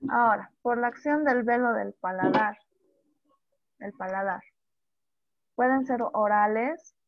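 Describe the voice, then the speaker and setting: Dull-sounding woman teacher, higher voice. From Bolivia. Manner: demonstrates speech sounds slowly and repeats examples. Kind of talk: online language lesson. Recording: dull dry lo-fi audio.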